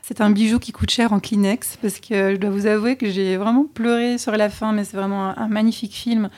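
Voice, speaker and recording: Being interviewed as a podcast co-host, a chatty woman responds candidly with a mellow, warm tone, pausing occasionally to think. Her voice is mid-range and steady, moving a little fast.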